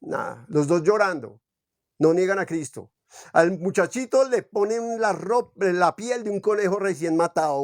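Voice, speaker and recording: A man's voice: fairly high pitch, a little mellow, no echo, clean studio sound. A man preaching in a Bible study, fervent and full of rhetorical questions. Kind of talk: impassioned sermon.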